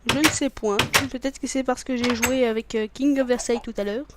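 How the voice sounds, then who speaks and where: A man's voice: very high voice, fairly even intonation, a little fast, heavy background noise. A man giving rambling, joking let's play commentary, punning, swearing casually and talking to himself and his viewers. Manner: swears casually, bursts into loud exclamations. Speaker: gaming video maker.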